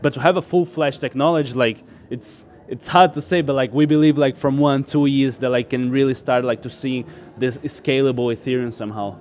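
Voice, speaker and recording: A man from Brazil, guest in a casual tech interview, explains his startup's technology at an easy, rambling pace. His voice sits at an ordinary middle pitch. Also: fairly even intonation, a little fast, darkish tone. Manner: explanatory, loose, full of "like" and restarts.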